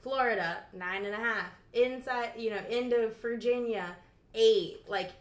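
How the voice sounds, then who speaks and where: A woman's voice: fairly high pitch, measured pace. Young female host with a playful, teasing manner, casual chat in an echoey room. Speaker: interviewer and channel host.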